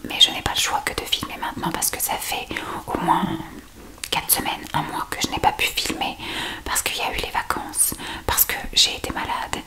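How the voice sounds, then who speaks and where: A woman whispers an ASMR product review very close, right in the listener's ear. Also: normal speed. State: ill with a cough. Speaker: beauty product review video creator.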